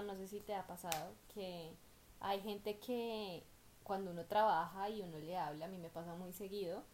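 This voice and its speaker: A young woman, co-hosting a vlog in lively, animated casual chat. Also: lowish voice, slight background noise. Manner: lively, animated, finishes her partner's sentences. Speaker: vlog co-host.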